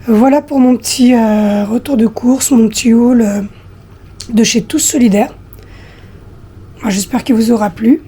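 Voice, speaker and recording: A woman in her thirties with a husky, slightly hoarse voice, chatting casually to her viewers with many hesitations. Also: on the high side, a little slow, long pauses, dark tone, a little hiss or hum. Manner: hesitant, many fillers, talks directly to viewers. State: hoarse after flu, coughing. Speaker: lifestyle vlogger.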